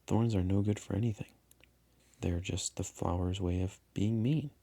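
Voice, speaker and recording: Man reading as a curt, gravelly stranded pilot. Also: on the low side, measured pace, darkish tone, in a whisper, exaggerated voice. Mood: annoyed. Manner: curt, dismissive. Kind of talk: storybook reading.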